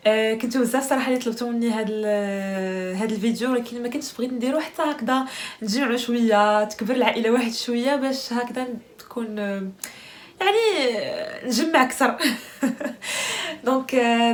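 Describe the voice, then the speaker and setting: Brief: Moroccan woman in her twenties, quick chatty vlogger, casual Q&A delivery. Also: on the high side. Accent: Moroccan Arabic. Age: 20s. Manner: chatty, laughs often between answers. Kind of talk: casual Q&A vlog.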